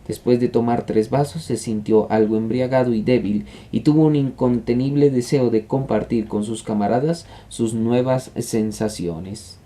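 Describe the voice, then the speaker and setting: Male audiobook reader with a mellow tone. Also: on the low side. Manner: measured storytelling. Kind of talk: literary audiobook narration.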